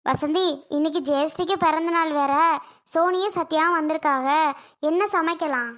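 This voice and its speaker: A woman putting on the voice of a calm, motherly older woman who gently consoles and reassures others in a family skit. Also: extremely high pitch, moderate pace. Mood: gentle.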